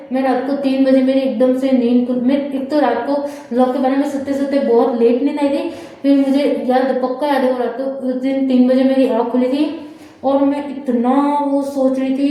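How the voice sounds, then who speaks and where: Young woman, unwell vlogger, high mellow voice, rambling soft chat into a handheld phone in a very echoey room. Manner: soft-spoken, rambling, many fillers. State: unwell, low energy. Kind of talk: casual vlog chat. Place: room upstairs at home. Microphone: phone held in hand.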